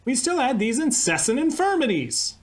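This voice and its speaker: Playing a cheerful, eager male co-host, an actor delivers a pun-filled story as live radio comedy. The voice sits extremely high and is very animated, though the pace stays normal.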